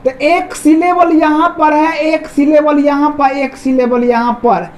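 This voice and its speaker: A woman's voice: high-pitched, fairly even intonation, unhurried, low-quality recording. A woman teaching an English grammar lesson who repeats key words and keeps asking her viewers questions. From India. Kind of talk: explaining a lesson.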